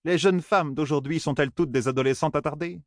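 Male narrator as a scolding elder woman, dry, bossy, raised pitch. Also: brisk, no echo, close to an everyday voice. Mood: stern, scolding.

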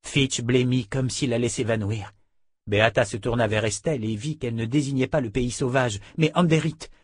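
A man reading a fantasy novel aloud in calm, even scripted narration. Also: mid-range voice, moderate pace, husky, dry recording, studio quality. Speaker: audiobook narrator.

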